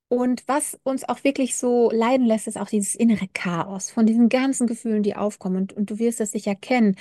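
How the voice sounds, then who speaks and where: In a relaxed direct-to-camera talk, a chronic pain coach reflects aloud to the listener, voicing inner thoughts along the way. Her medium-pitched voice is mellow, her address informal and full of fillers, and the studio-quality audio has no echo.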